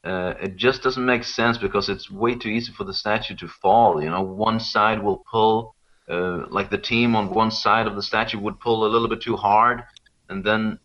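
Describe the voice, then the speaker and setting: Here the Swedish man's voice is lowish and steady, slightly bright, moving at a moderate pace. As a guest expert on Rapa Nui, he explains informally and leans on "you know" to check understanding, all captured in muffled, lo-fi call-quality audio.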